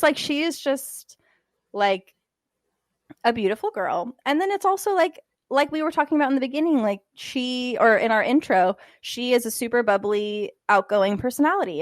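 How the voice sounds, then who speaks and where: A woman's voice: fairly high pitch, no echo. Chatty young woman, dry close mic. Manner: animated, filler-heavy, lots of "like". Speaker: podcast co-host. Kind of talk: casual podcast chat.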